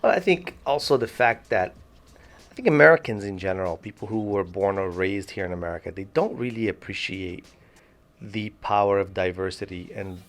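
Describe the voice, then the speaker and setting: A man from Morocco co-hosting a podcast, talking in a thoughtful, halting way with many restarts. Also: fairly low pitch. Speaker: podcast co-host. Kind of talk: casual discussion.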